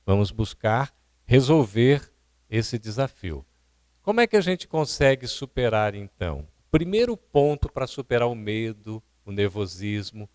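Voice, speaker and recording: A man's voice: mid-range voice, darkish tone, dry recording. A Brazilian man teaching a seminar on public speaking, explaining points and asking the audience questions. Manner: didactic, asks the audience questions. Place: seminar hall at a spiritist centre.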